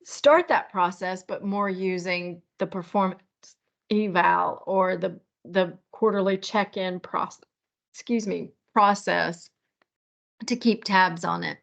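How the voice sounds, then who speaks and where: A woman talking through a work issue in a casual meeting, thoughtful and measured, with the hiccups. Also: on the low side, vocal fry, fairly bright tone. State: has the hiccups. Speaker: manager in a work discussion. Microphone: video call. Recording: dull lo-fi meeting call.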